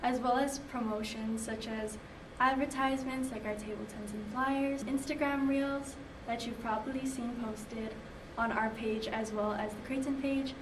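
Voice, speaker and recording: A woman's voice: fairly high pitch, fairly even intonation, moderate pace. A young woman from Honolulu, a college student, upbeat as she describes club promotions in a promo video interview. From Honolulu, Hawaii. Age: young adult. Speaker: student club public relations chair. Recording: echoey room, distant mic, noise.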